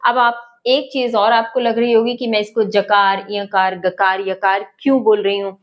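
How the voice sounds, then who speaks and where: A woman teaching a Sanskrit lesson to schoolchildren, posing questions and answering them herself, stressing syllables slowly and carefully. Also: medium pitch, little pitch movement. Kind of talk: explaining a lesson to children.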